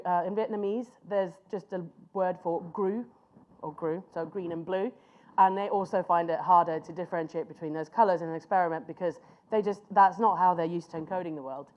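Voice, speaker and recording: A Finnish conference speaker, whose first language is Finnish, gives a master class to a live room, talking conversationally and sometimes pausing to search for an English word. Her voice is slightly low for a woman and a little mellow. The recording is muffled and lo-fi.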